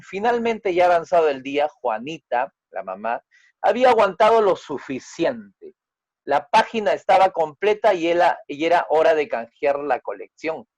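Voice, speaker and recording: A man's voice: sing-song, moderate pace, no room sound, dull audio. A man, a family therapist teaching a group lesson, who explains step by step, keeps checking with his listeners, and acts out quoted dialogue by raising his voice. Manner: acts out quoted dialogue with raised pitch and volume.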